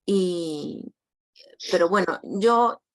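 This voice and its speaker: A woman's voice: lowish voice, extremely slow. A woman student recounting a personal anecdote in class, hesitant, with many restarts and tag questions.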